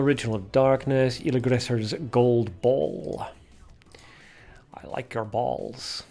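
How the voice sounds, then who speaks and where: A man's voice: medium pitch, warm tone. A young man hosting a casual card-game livestream, chatting with viewers and reading card names aloud as he opens packs. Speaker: livestream host.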